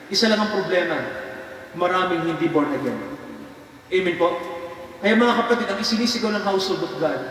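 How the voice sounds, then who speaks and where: A man's voice: sits high, a bit bright. A Filipino man preaching as a pastor, mixing English into his sermon and often checking in with the congregation with "no?" and "Amen po?", then leading a prayer. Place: church hall. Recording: echoey hall heard from far off.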